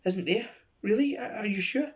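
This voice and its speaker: A man voicing a scheming posh lady who shrieks in faked pain, then turns prim and calm. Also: medium pitch, normal speed, husky, pitched above the performer's own voice, natural voice. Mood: puzzled.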